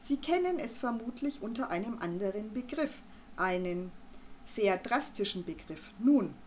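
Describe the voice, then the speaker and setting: A woman voicing a stern, pompous male doctor who lectures gruffly in an audiobook reading. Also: medium pitch, big pitch swings, measured pace, a little hiss or hum. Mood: confiding. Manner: gruff, lecturing, then conspiratorial.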